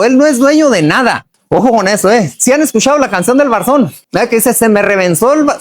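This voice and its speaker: Brief: middle-aged man, motivational speaker, animated pitch, folksy and slangy. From Chihuahua, Mexico. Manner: folksy, earthy slang, asks the audience many questions. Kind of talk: motivational talk to workers.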